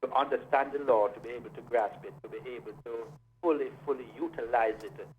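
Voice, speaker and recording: This radio interview features a Jamaican immigration and criminal defense lawyer explaining the law methodically over a dull phone line with faint hiss. He talks a little fast in a mid-range voice with fairly even intonation.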